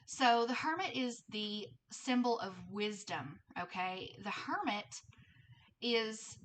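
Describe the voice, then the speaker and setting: A woman's voice: on the high side, animated, slow, slight background noise, poor audio. A woman with a thick Southern US accent gives a casual tarot reading, conversational and often checking in with her listeners. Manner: conversational, with frequent check-in tags like 'okay?' and 'right?'. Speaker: tarot reader and host.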